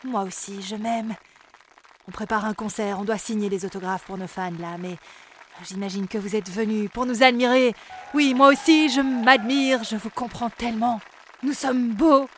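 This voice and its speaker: A woman's voice: a little high, normal speed, a little hiss or hum, close to an everyday voice. A woman voicing a vain, boastful male elf boy-band singer in a children's storybook, with a pompous, self-admiring manner. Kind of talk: storybook character voice.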